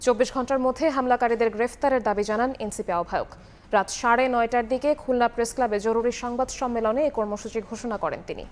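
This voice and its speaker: A woman news anchor reading the bulletin in a crisp, even newsreader manner. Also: on the high side, quick pace, a little hiss or hum.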